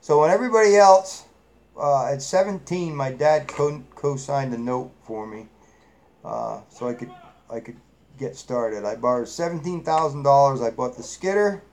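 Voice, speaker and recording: A man's voice: mid-range voice, normal speed, darkish tone. A middle-aged man with a New England accent, hosting a live chat and telling rambling, salty, folksy stories full of fillers. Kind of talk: casual storytelling chat.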